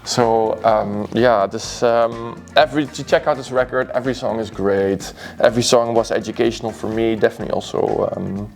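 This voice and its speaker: A musician chatting about favorite records in a record store, with a thoughtful, rambling way of talking. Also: male voice, lowish voice, steady tone, moderate pace, vocal fry, hardly any pauses, soft background music. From Belgium.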